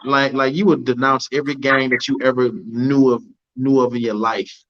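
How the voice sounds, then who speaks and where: A man's voice: medium pitch, flat delivery, moderate pace, a bit bright, lo-fi sound. A man hosting a casual livestream, chatting with a guest and reading out viewer comments, often asking "you know what I'm saying". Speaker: livestream host.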